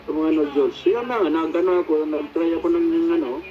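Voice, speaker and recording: A man's voice: a little high, brisk. Middle-aged man with a rambling telling. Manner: rambling, searches for words with many fillers, mixes in English. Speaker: patient giving a testimonial. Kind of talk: casual spoken testimony. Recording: dull lo-fi recording.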